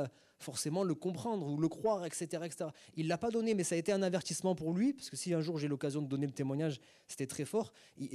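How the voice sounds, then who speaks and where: Middle-aged male pastor, slightly high voice, chatty sermon full of asides and rhetorical checks. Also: dark tone. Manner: conversational teaching with many asides and rhetorical questions; acts out short sung and spoken examples. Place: church hall.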